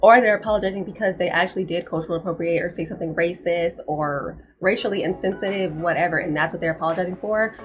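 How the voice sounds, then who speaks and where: A young woman talks with firm, insistent emphasis, circling back to her points to drive them home. Her voice sits a little low for a woman. Soft music plays faintly behind her. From United States. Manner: emphatic, insistent, repeats herself for stress. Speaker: commentary channel host. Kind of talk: opinion commentary to camera.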